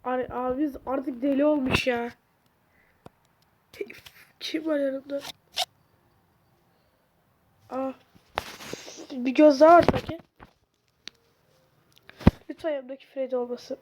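A woman commentating a horror game, sick with a sore throat, jumping between nervous mutters and sudden yells at the screen. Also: high-pitched, steady tone, slow pace, long pauses, noisy background. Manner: jumpy, yells and curses at the game. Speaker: gaming video host. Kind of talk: excited let's-play commentary.

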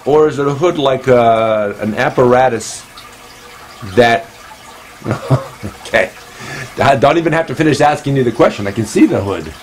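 A man's voice: medium pitch, moderate pace, long pauses, slight background noise, low-quality recording. A man hosting a comedy show, rambling and meandering as he talks, recorded on a phone at home. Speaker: host. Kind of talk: comedic monologue.

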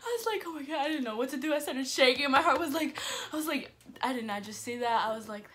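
A young woman hosting a casual storytime chat with friends, excitable and laughing, full of "like" and "literally". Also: high-pitched, fast talker, loud music behind the voice. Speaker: channel host.

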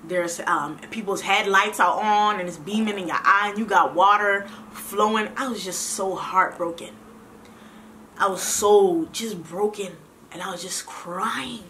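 A woman's voice: medium pitch, unhurried, sharp tone, slight background noise. A young woman sharing a faith testimony in an earnest, preachy way, often repeating herself and calling viewers sis. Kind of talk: heartfelt testimony talk.

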